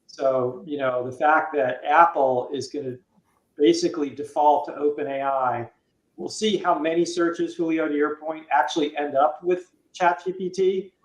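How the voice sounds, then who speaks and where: Um homem que participa de um painel por chamada remota, com a voz ecoando, oca, como se estivesse dentro de um tubo, e expõe seus argumentos ponto a ponto. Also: male voice, fairly high pitch, steady tone, moderate pace. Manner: lays out points one by one. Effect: hollow echo, as if from inside a tube. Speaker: panel guest. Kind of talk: casual panel discussion. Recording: roomy echoing remote line.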